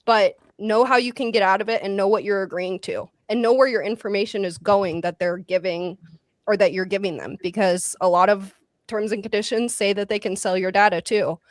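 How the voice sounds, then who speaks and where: A woman chats casually on a panel and gives practical advice, with plenty of fillers as she goes. Her voice sits at a middle pitch. The recording is dry and close, with no room sound. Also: fairly even intonation, a little fast, no room sound. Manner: chatty, advice-giving, many fillers.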